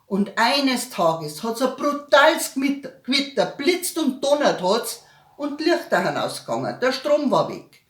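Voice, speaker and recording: A woman comedian with a broad Bavarian accent spins a dialect joke from her home. She talks unhurriedly, her fairly high voice rising and falling with animation. The room around her sounds bare and echoey. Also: unhurried. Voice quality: lively dialect storyteller.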